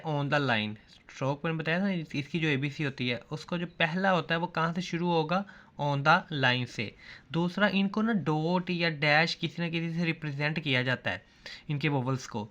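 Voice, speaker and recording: Man, shorthand teacher, bright clear voice, drills students by asking and answering himself. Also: a little high, highs cut off. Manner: repeats questions and answers them himself. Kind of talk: classroom lesson.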